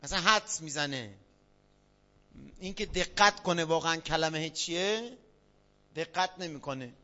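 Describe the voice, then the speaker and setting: High bright-voiced man lecturing a class. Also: lively intonation. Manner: quizzes listeners, spells out examples. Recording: dull lo-fi sound.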